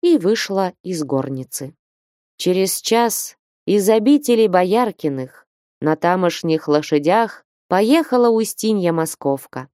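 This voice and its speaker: Brief: audiobook narrator, woman, low voice, dry close recording. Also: dry recording. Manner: expressive, measured reading. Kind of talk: scripted literary narration.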